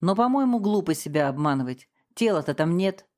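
A woman's voice: fairly low pitch, lively intonation, brisk, a little mellow, lightly acted. Harsh, cold husband read by a woman narrator; sarcastic, cutting. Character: harsh domineering middle-aged husband. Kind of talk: audiobook character reading.

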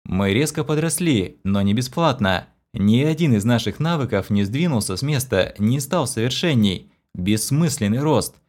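A man reading a fantasy novel aloud as an audiobook narrator, dramatic and measured. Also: mid-range voice, animated, darkish tone.

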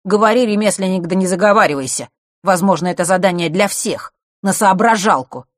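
A woman's voice: low voice, normal speed, slightly rough, no room sound, studio quality. A woman voicing an arrogant teenage boy who talks down to others and makes threats. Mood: scornful. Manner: condescending, threatening.

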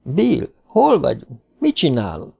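A man putting on a dazed, high-voiced grown woman. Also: vocal fry, husky, heavily acted. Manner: high, excited voice with urgent questions. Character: dazed, frightened adult woman, breathless and laughing. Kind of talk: audiobook character voice.

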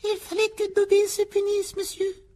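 A woman voicing a tiny, servile male house-elf with a small shrill voice, pleading and overly deferential. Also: monotone, normal speed, warm tone. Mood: anxious. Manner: pleading, overly deferential, speaks of himself in third person. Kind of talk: audiobook dramatization.

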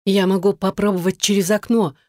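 A terrified young woman whispers and pleads for help while trapped, as the woman reading the story voices her. Her voice sits a little higher and trembles with fear. It is recorded close and dry. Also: little pitch movement, brisk, darkish tone, dry recording, close to an everyday voice. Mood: frightened, pleading.

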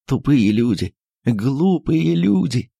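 A man's voice: mid-range voice, animated, moderate pace, creaky, breathy edge, no room sound, clean studio sound. Man doing a furious, worn-out old doctor. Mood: furious shouting. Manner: shouting shrilly in fits, then tired and resigned. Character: agitated aging male doctor, weary, bitter.

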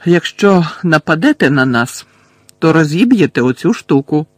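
A man's voice: fairly high pitch, very animated, unhurried, no room sound. Harry Potter, a defiant teenage wizard, voiced by a man. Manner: defiant, stalling for time. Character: defiant teenage boy wizard, stubborn and quick.

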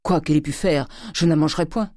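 A woman reading aloud voicing a tyrannical, miserly old father who scolds and blusters in a raised, loud voice. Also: low voice, quick pace, dry recording, studio quality. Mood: blustering.

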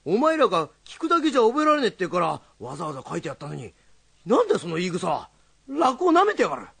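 An actor playing a hot-headed young rakugo storyteller, blunt and quick to scold. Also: male voice, high-pitched, huge pitch swings, fairly bright tone, no echo, full character voice. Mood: gruff. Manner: gruff, rough-tongued and quick to scold. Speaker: rakugo storyteller teaching students. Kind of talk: film drama acting.

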